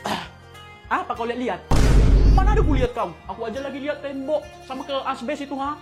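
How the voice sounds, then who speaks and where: Brash high-voiced woman, comedy skit. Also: fast talker, over loud music. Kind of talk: comedy skit, playing several characters.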